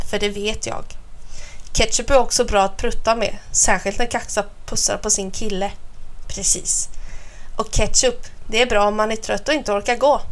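A woman reading a children's story aloud in a playful first-person voice. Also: mid-range voice.

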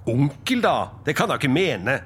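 A man voicing a cheerful young man in a storybook reading, calling out jolly and bright. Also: sits high, huge pitch swings, a little hiss or hum, pitched above the performer's own voice, heavily acted.

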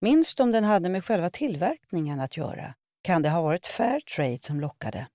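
A woman's voice: fairly low pitch, very animated, dark tone, dry recording, clean studio sound. A woman reading a humorous column, voicing an eager female shop clerk listing shampoo types. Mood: helpful. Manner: helpful, rattling off options.

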